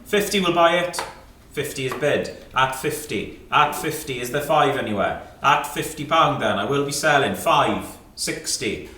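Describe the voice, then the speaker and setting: British guy doing antiques auction patter, quick strings of bids, bit far from the mic in a roomy hall. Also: mid-range voice, expressive, sharp tone, slight background noise. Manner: fine art auctioneer patter, clipped numbers, repeated prompts. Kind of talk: live auction calling, reeling off rising bids. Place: indoor auction sale room. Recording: echoey sale room, distant microphone.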